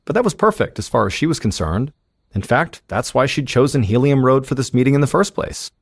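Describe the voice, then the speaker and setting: A man hosting a podcast, telling a true-crime story in measured, suspenseful scripted narration. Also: mid-range voice, lively intonation, no echo, studio quality. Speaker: podcast host.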